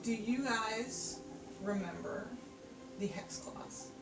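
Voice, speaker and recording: A woman running a live tabletop game as game master, chatty, slowing down for eerie description. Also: a little high, loud music behind the voice. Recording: roomy, distant mic with clear background noise.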